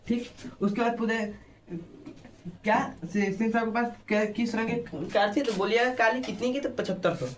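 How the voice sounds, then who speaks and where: A man with a very high-pitched voice and a Bihari Hindi accent teaches exam preparation at normal speed, with a little hiss or hum in the background. His method is to ask short questions and repeat the answers to his students.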